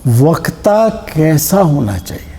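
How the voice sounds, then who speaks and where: A man giving a scripture discourse in a hall, explaining slowly with examples and stressing key words. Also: on the high side, very animated, warm tone, a little hiss or hum. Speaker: scripture teacher.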